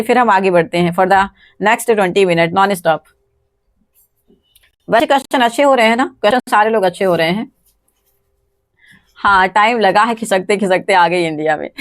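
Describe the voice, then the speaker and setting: A woman's voice: mid-range voice, no echo. A woman hosting a live quiz lesson, chatty and thanking viewers by name, speaking English with an Indian accent and sounding a little tired. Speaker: quiz host on a live stream. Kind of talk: casual live-stream quiz teaching.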